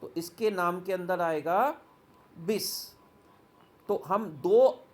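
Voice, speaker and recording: A man teaching a chemistry lesson, reading English points from slides and then explaining them in Hindi, often asking the class quick questions. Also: high voice.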